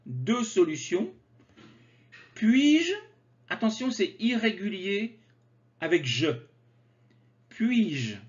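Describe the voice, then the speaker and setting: Man, French teacher, careful slow drills, fairly high voice, slightly muffled lo-fi audio. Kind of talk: slow grammar lesson with drills. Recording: slightly dull lo-fi sound.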